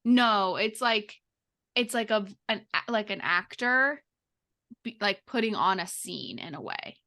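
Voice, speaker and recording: A woman co-hosting a podcast chats casually, keeping things informal and peppering her sentences with "like." Her medium-pitched voice sounds pushed and bright, with lively intonation and a slightly slow delivery.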